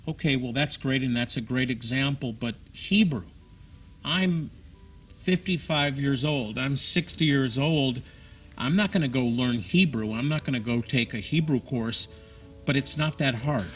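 A man's voice: medium pitch, measured pace, a bit bright, husky, soft background music. Man hosting a TV talk show. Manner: summarizing and addressing the audience.

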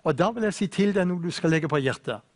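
A man preaching a sermon, earnestly quoting scripture with slow, weighty emphasis. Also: high-pitched, lively intonation.

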